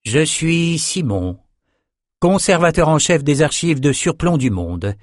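A man's voice: a little high, very animated, unhurried, no echo, pitched above the performer's own voice. Guy doing a dry clipped archivist, 30s, kinda formal. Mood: curt. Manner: dry, curt. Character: curt young chief archivist in his thirties.

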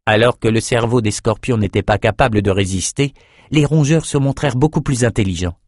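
A man reading a fantasy story aloud as narrator, in a measured, dramatic way. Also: mid-range voice, darkish tone, no room sound, clean studio sound.

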